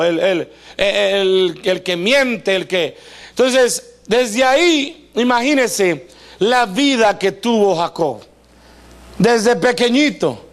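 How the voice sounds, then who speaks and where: A pastor delivers a live sermon in church, pitched notably high for a man. He preaches in an animated, joking way, acting out little voices. He keeps turning to the congregation with questions. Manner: asks the congregation questions often. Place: church service before a congregation.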